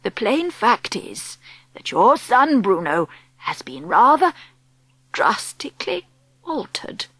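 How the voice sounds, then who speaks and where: A woman voicing a fond, unflappable old grandmother, measured and determined, with breathy drawn-out emphasis. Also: a little high, big pitch swings, no room sound, full character voice, rough recording. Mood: patient insistence.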